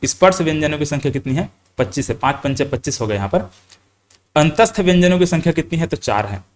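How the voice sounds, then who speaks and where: A man's voice: a little high, expressive, quick pace. Young male teacher quizzing and repeating points. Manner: quizzes listeners with questions he then answers himself; repeats key points and fills with "thik hai". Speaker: exam-prep teacher. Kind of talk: recorded grammar lesson.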